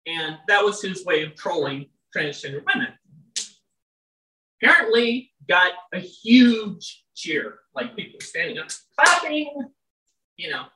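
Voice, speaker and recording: At an indoor venue with a live audience, a loud, very animated poet of medium pitch reads their own work into a stage microphone, often drifting off-mic. They're chatty and wry between poems, then slow and measured while reading, and the sound is roomy and distant.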